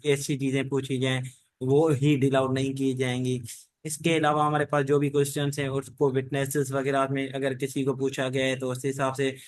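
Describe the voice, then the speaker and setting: In a recording with no echo, a medium-pitched male teacher runs an online law class. He rambles informally, leans on the same stock phrases again and again, and blends Hindi-Urdu speech with English legal vocabulary.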